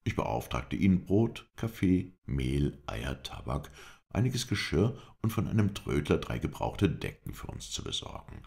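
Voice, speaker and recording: A man reading an adventure novel aloud as an audiobook, in expressive scripted narration. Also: rumbling low, measured pace, creaky. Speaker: audiobook reader.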